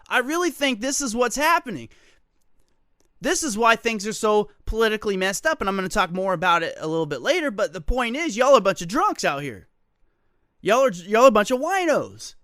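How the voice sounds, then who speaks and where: A high-pitched male talk radio host ranting sarcastically about local news in a dry, close studio sound. His voice is bright and cutting, and he keeps throwing in joking asides between the stories. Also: sing-song, brisk, no echo. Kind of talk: solo talk radio commentary.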